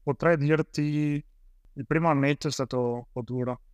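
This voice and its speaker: A man's voice: on the high side, steady tone, moderate pace, clean tone, dry recording. A man from Italy, a police officer, telling his story as an interview guest in a rambling way with many fillers and restarts.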